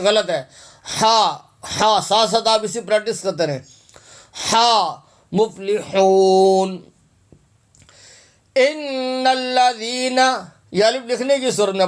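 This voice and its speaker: A man with a high voice teaches Quran recitation at a patient, deliberate pace. He spells out each letter and vowel and quizzes the listener on where each sound comes from. He then answers himself and stretches the syllables long to demonstrate. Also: a bit bright. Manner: asks and answers his own questions. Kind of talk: tajweed lesson with slow drawn-out recitation.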